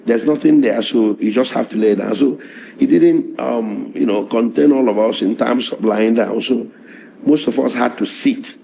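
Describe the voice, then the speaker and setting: A middle-aged lawyer with a hoarse, strained voice, recounting events in a measured, halting interview manner. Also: male voice, mid-range voice, dark tone, slight background noise. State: hoarse, voice strained after tear gas.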